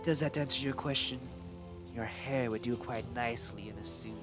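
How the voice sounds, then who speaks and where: A man's voice: medium pitch, moderate pace, lightly acted. A man voicing a theatrical, teasing cannibal cook on a ship. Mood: menacing. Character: menacing male ship's cook, cannibal murderer. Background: background music.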